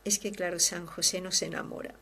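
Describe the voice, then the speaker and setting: Religious sister, host, fervent and expressive, reads listener mail warmly. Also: female voice, lowish voice, brisk, vocal fry, slightly rough. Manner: fervent, expressive, swings from loud to hushed. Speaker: religious sister hosting a devotional program. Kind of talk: devotional talk and reading listener letters.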